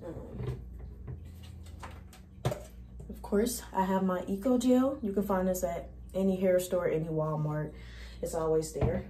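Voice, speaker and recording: Mellow-voiced young woman doing a hair tutorial. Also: on the low side, steady tone, normal speed, a little hiss or hum. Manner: chatty, informal, talks viewers through each step. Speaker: beauty vlogger.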